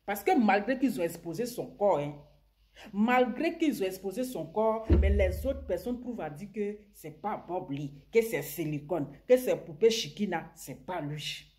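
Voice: medium pitch, animated, normal speed, darkish tone. A commentator, scolding listeners in an impassioned vlog rant and often stammering over repeated words. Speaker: social media commentator.

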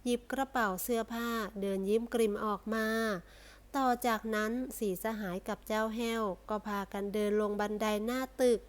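A woman narrating a comic novel aloud in a steady, even storytelling voice. Her pitch sits a little high, and she keeps an unhurried, clear reading pace. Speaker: story reader.

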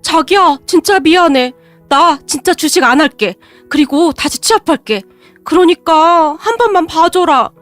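A whining husband pleading in a storybook tale, as a woman reads him out. He begs and clings, the voice pitched high and raised in volume. The read is dry and close, with faint music under it. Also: unhurried, fairly bright tone, no echo. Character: pleading, begging husband in his thirties.

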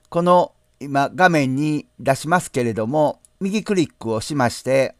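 A man from Nara, hosting a screen-share software tutorial in a polite, explanatory way, often pausing on drawn-out asides. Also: on the high side, smooth, no echo, studio quality. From Nara, Japan. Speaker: channel host.

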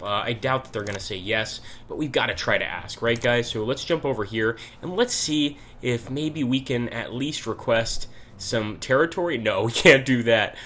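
A man's voice: mid-range voice, fairly bright tone, slight background noise. A man hosting a strategy game let's play, chatting and thinking aloud as he plays. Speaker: gaming channel host.

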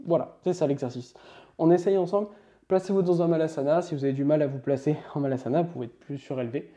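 Man, yoga teacher, upbeat and coaching, mellow tone, slightly high voice. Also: dull audio. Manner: upbeat, coaching, counts slowly while demonstrating. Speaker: yoga instructor. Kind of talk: instructional demonstration.

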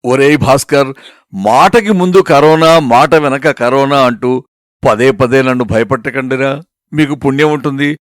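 A man's voice: mid-range voice, a little slow, no echo, close to an everyday voice. Whiny ailing husband, dry close sound, read by a male storyteller. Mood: exasperated. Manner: whining, complaining. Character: sick, grumbling middle-aged husband.

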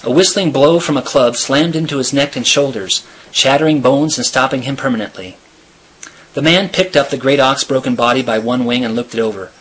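A man reading a chapter of a novel aloud in a steady, measured storytelling manner. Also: mid-range voice, husky, poor audio. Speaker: reader.

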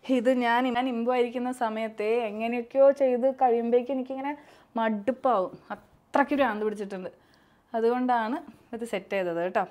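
A woman's voice: fairly high pitch, darkish tone. A young woman, a mother chatting casually as she demonstrates her baby setup at home for a vlog. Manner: chatty, coaxing a crying baby in sing-song. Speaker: vlogger, mother. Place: home nursery indoors. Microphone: camera operated by someone else.

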